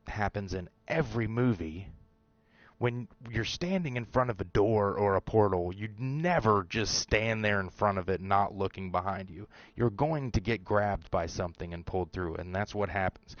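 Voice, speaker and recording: A man's voice: fairly low pitch, no echo, muffled recording. A man hosting a show, casually talking through his theories about a TV episode, rambling with fillers and restarts. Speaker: show host.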